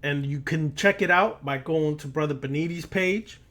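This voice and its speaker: This occult teacher speaks at a normal speed in a fairly high, fairly bright voice. Lecturing spontaneously to camera like a preacher, he admonishes the listener directly and leans on repetition of words and phrases for emphasis.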